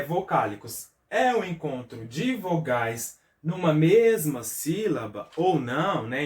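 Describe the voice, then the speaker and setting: A man with a Brazilian Portuguese accent teaches a recorded review lesson for schoolchildren, his voice sitting a bit high. He explains step by step, spelling things out and checking in with his pupils. The sound is roomy, with the mic some distance from him. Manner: patient, explains step by step with frequent "tá?" check-ins and spelled-out syllables.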